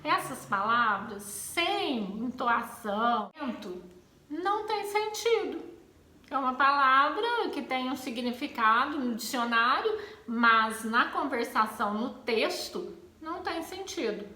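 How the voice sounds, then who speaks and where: A woman with a Brazilian Portuguese accent teaching a grammar lesson, expressive and acting out exclamations to make her points. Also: sits high, slow, echoey room.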